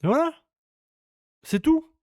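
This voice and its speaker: A man's voice: very high-pitched, animated, slow pace, no room sound, clean studio sound. A man around thirty from France, hosting a casual talk stream and ranting indignantly in crude slang with lots of repetition. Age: about 30.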